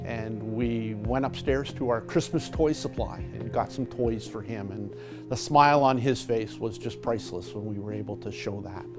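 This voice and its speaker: A man who is a Salvation Army officer recounting in a warm, plain way how his team helped people. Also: lowish voice, moderate pace, over music. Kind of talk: news interview clip.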